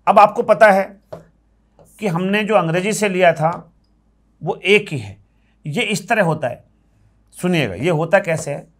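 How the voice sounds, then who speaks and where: A man from India teaches grammar at a board, explaining patiently, slowly repeating words and asking the class for yes or no answers. His voice sits high, with lively intonation.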